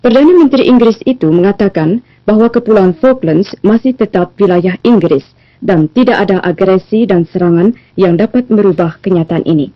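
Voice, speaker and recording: A woman newsreader delivering a formal television news bulletin in a measured, even manner, heard as old 1980s broadcast sound. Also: mid-range voice, no echo. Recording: dull, lo-fi, dry archive broadcast audio.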